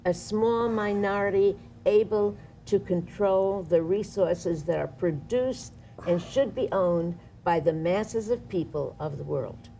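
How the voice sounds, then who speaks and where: A woman speaks in a studio with a mellow, gravelly voice. She talks in the pointed, impassioned way of a political activist and often turns sarcastic. Faint hiss sits behind her. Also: medium pitch, slow. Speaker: activist guest. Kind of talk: studio panel discussion.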